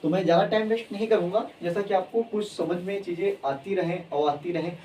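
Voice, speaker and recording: A high-pitched man teaching chemistry with lively energy, drilling key terms over and over and coaxing his students along. He sounds a little away from the mic, with faint room ambience behind him. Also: fairly quick, recorded from a distance, a little hiss or hum, poor audio. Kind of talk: energetic classroom lecture.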